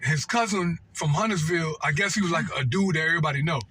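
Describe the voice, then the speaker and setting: He talks fast in a fairly high, bright, forceful and husky voice. This American storytelling vlogger recounts a personal tale casually and off the cuff, slangy and repetitive, constantly checking in with "right?" and "know what I mean."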